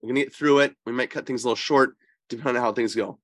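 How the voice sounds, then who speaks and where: A man's voice: medium pitch, rapid-fire, a bit bright, no room sound, studio quality. Wheezy, congested man teaching about faith. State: congested and slightly wheezy with a cold. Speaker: priest and co-host. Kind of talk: conversational religious teaching.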